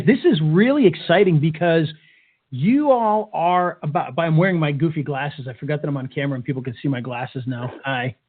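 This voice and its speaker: A man's voice: fairly high pitch, husky. An upbeat, joking man co-hosting and presenting a casual, informal webinar. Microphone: webcam webinar call. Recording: tinny, phone-like band-limited webinar audio.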